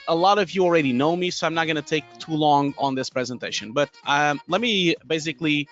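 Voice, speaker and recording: A man's voice: a little high, muffled recording. A man in his thirties from Portugal with a Portuguese accent, presenting a live webinar in a chatty way with many fillers, restarts and laughs, on a headset mic in a home studio room. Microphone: headset with boom mic.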